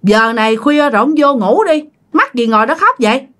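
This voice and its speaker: A woman's voice: fairly high pitch, very animated, fairly quick, a bit bright. A woman voicing an older village husband who coaxes and pleads with his wife in a told ghost story. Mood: pleading. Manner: coaxing, pleading.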